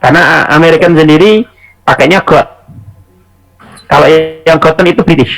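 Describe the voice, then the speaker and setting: Young guy teaching toefl online, kinda high voice, chatty, keeps correcting himself. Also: normal speed, low-quality recording. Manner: casual, self-correcting, chatty asides. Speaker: English test tutor.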